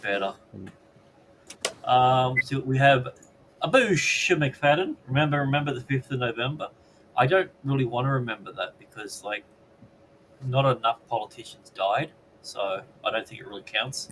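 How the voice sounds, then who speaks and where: A man's voice: medium pitch, normal speed, slight background noise. Crude, joking Australian man hosting. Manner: crude joking, deadpan asides. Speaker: podcast host. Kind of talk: casual live-stream chat, reading chat messages.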